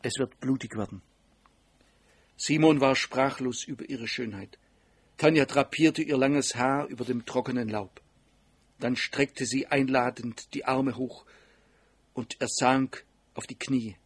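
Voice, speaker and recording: A man narrating an audiobook in a steady, even storytelling manner. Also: medium pitch, a little slow, slightly rough, dry recording.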